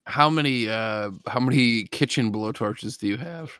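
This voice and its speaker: A man's voice: medium pitch, moderate pace, a bit bright, clear, resonant tone, no room sound. A man co-hosting a casual podcast, teasing the others in dry banter. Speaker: podcast co-host. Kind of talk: casual chat.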